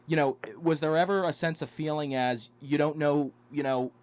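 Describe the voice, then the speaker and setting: A man's voice: fairly high pitch, fairly even intonation, normal speed. A man hosting an interview, asking long, hedging questions full of "you know". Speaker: interview host.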